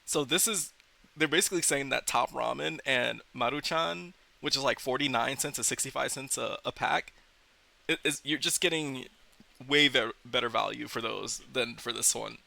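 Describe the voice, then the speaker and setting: A man with a gravelly voice chatting casually as a streamer reacting live to a video. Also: medium pitch, moderate pace, bright, forceful tone.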